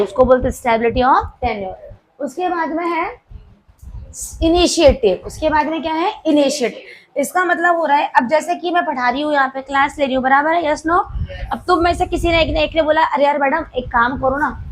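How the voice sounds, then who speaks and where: A young woman teaches a commerce class in a high, bright voice. She teases and scolds her students in a playful way, then slows down sharply to spell out each key term word by word. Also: rough recording. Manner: slow deliberate dictation of key terms. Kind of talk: classroom lecture.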